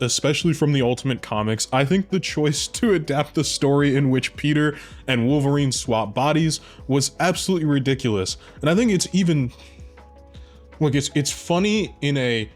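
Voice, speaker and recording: Chatty man reviewing a cartoon. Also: medium pitch. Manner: chatty, with offhand asides. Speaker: video reviewer. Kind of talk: casual commentary. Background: faint background music.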